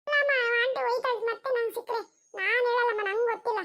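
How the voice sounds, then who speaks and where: A woman voicing a timid little girl in a cartoon, speaking in a high, pleading childish voice. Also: fairly even intonation, fast talker, a bit bright. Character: small girl, timid and secretive.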